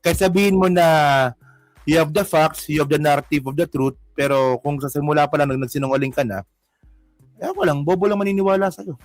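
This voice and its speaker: High-voiced mocking Filipino man. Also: a little fast, no room sound, soft background music. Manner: mocking, taunting, rambling. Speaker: commentary vlogger. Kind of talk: casual political commentary.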